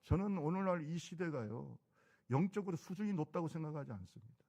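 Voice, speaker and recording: A middle-aged pastor delivers a Sunday sermon in a church sanctuary, with a gravelly edge to his fairly high voice. He preaches conversationally and keeps asking the congregation questions. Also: lively intonation, a little fast, dark tone.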